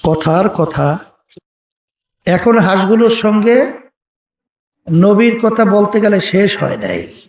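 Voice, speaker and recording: A man's voice: sits high, sing-song, slow pace, vocal fry, long pauses. A man preaching an open-air sermon, telling a story and calling out questions for the crowd to answer, with chanted verses. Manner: chants Quranic Arabic verses. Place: outdoor religious gathering on a field. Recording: echoey public address from a distance.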